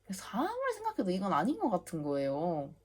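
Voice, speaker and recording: A woman's voice: medium pitch, wildly swooping pitch, fast, darkish tone. A young woman in her twenties from South Korea, telling a story in a casual vlog voice-over. She rants indignantly, swears while retelling, and leans on chatty fillers. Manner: chatty, heavy use of fillers. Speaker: vlogger.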